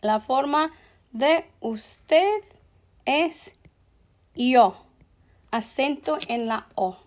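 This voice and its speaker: A woman teacher talks through verb endings at a very slow, careful pace. Her voice sits a little high for a woman. She slips English fillers like "so" and "ok" into her explanations. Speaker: Spanish teacher.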